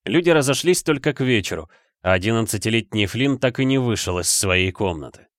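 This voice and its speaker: Male audiobook narrator, measured and expressive, dry close recording. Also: on the low side, dry recording.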